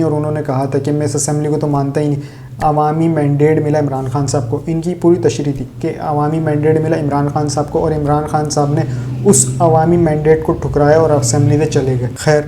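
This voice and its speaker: A man's voice: a little high, dark tone, slight background noise. A man from Pakistan delivering sarcastic, opinionated solo political commentary straight to his viewers.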